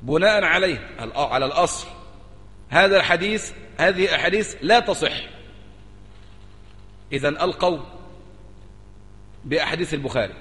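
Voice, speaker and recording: A man's voice: a little high, expressive, moderate pace, long pauses, fairly bright tone, breathy edge, in a large hall. A man with an Egyptian accent, a sheikh teaching a religious lesson and explaining a text, who talks emphatically, repeats key phrases and keeps urging listeners to pay attention. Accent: Egyptian Arabic.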